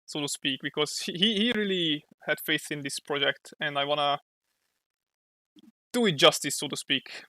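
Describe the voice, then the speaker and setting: A man's voice: on the high side, moderate pace, sharp tone, dry recording. A young man from Hungary with a Hungarian accent, chatting casually on a livestream while he draws, thinking aloud and sometimes searching for English words. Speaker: streamer and comic artist.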